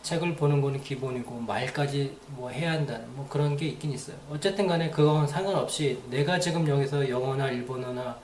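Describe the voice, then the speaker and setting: A man's voice: mid-range voice, brisk, hardly any pauses, darkish tone, reverberant, a little hiss or hum. A man giving a casual, rambling spoken lesson, repeating phrases aloud to demonstrate them. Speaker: English teacher.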